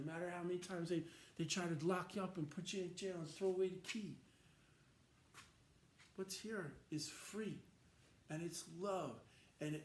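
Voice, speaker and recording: Loud, swearing man in an echoey room. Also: on the high side. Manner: profane, animated, swings from mumbling to shouting. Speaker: vlogger. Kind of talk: rambling monologue to camera. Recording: roomy echo with faint noise.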